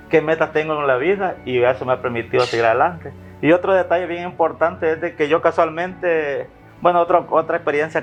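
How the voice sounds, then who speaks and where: A man in a documentary interview, reflectively telling stories about his late father, with frequent fillers. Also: on the high side. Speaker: interviewee, son of the subject. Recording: dull lo-fi sound with faint music.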